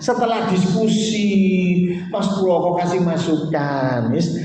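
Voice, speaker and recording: Lively Javanese-accented pastor in echoey hall. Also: male voice, sits high, a little slow. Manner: chatty, teasing, keeps asking agreement. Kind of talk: conversational sermon. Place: church hall. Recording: echoey hall, faint hiss.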